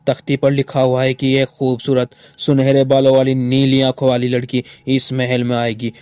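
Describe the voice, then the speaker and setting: A man's voice: medium pitch, darkish tone, dry recording, lightly acted. A man voicing a remorseful male ghost, centuries old, tearfully confessing his murders in a storybook tale.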